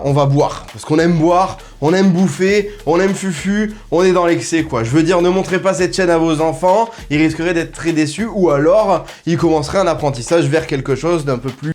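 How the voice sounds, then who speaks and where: A man with a slightly high, slightly mellow voice hosts a comedic cocktail tutorial. He talks straight to the viewer in crude, ironic, mock-serious patter.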